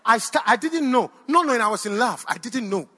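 A middle-aged Ghanaian man, a pastor, preaching a storytelling sermon that swings between hushed moments and loud outbursts as he speaks to the congregation. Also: very high voice, fairly quick. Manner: animated, swings from hushed to shouting, addresses the audience directly.

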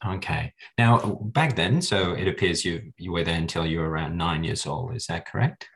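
Young male host, medical student, very deep voice, encouraging interviewer. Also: normal speed. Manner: encouraging, frequent affirmations. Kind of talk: interview hosting.

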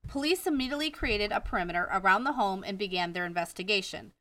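A woman's voice: mid-range voice, lively intonation, fast talker, sharp tone, distant mic. A woman with a Wisconsin accent co-hosting a casual true-crime podcast, reading the case from her notes and stumbling over names now and then. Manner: reads from notes, stumbles on names, laughs at herself. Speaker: podcast co-host.

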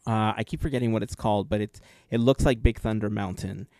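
A man's voice: fairly low pitch, a little fast, mellow, dry recording. A man co-hosting a casual podcast chat, explaining his gaming experience earnestly and at length. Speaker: podcast co-host and gameplay video creator.

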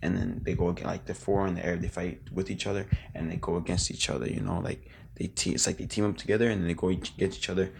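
A man's voice: deep voice, little pitch movement, fast, gravelly, few pauses, background noise. A young man in his late teens, a guest in a casual interview, rambling through his memories with lots of filler words and restarts.

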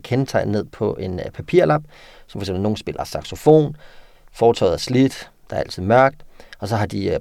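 A man's voice: lowish voice, creaky, darkish tone, no echo, studio quality. A man with a Danish accent who teaches writing to children. He talks hesitantly with many fillers and reads his students' stories aloud. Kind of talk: interview talk and reading student texts aloud.

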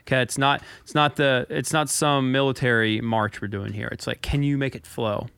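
A man's voice: mid-range voice, fairly even intonation, normal speed, gravelly, fairly bright tone, clear, resonant tone, no echo. A man co-hosting a casual podcast, telling a rambling story with frequent restarts and stutters. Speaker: podcast co-host and drummer. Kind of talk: casual chat.

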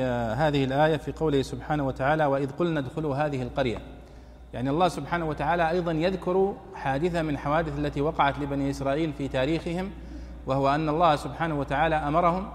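A man teaching a classical Quran commentary, talking quickly with casual asides between points. His voice sits a little high. The sound carries a long reverb, with a faint hiss underneath. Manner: quick scholarly explaining with loose asides. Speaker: sheikh teaching tafsir.

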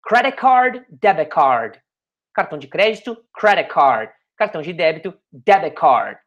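A woman teaching English in Portuguese, repeating English phrases slowly and then explaining them quickly. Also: fairly low pitch, big pitch swings, muffled recording. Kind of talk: bilingual language lesson.

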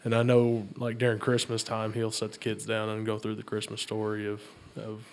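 A married man chatting casually as a co-host, loud and quick to laugh at himself. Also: on the low side, completely flat delivery. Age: adult, married. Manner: loud, laughing, self-mocking. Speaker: podcast co-host. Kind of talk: casual chat.

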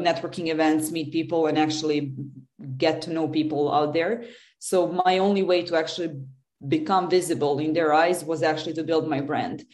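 A woman's voice: sits low, darkish tone. A woman from Serbia, answering interview questions earnestly with many fillers and restarts. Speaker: guest, business development lead. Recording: roomy echo.

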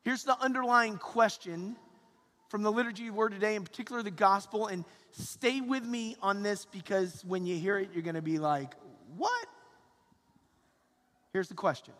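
A man preaching a homily as a priest, with dramatic pauses, repeated phrases and colloquial asides in a reverberant church. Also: sits high, fairly even intonation, fairly bright tone. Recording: long church hall reverb.

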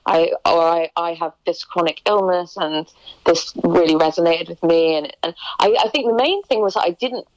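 A woman's voice: fairly low pitch, moderate pace, no room sound, poor audio. A young woman musician chatting in an interview, hesitant, with many restarts and ums. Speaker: musician guest. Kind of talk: casual interview chat.

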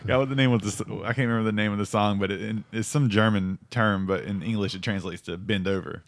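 A man talks quickly through a casual podcast chat, piling up fillers and swearing as he rambles through a story. His voice is dry and close to the mic, with little room sound around it. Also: fairly low pitch, steady tone, no echo. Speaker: podcast co-host.

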